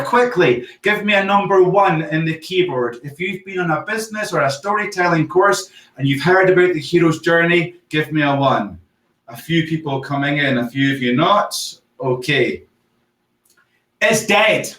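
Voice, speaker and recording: A middle-aged man with a Scottish accent, giving a lively online conference talk on storytelling and quizzing his audience. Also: on the high side. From Scotland. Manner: lively, engages audience with quick questions. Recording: echoey, distant from the mic.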